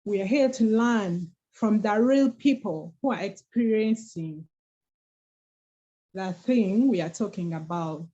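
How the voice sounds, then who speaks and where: Speaking slowly in a warm, husky, mid-range voice, a woman co-host delivers a heartfelt motivational talk urging forgiveness and moving on. It's captured as dull, lo-fi online call audio.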